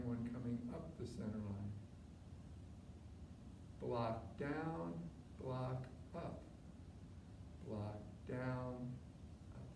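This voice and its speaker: Male tai chi instructor, informal and encouraging, short spaced cues, recorded off-mic with clear background noise. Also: mid-range voice, reverberant, recorded from a distance. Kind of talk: live movement instruction, step-by-step cues.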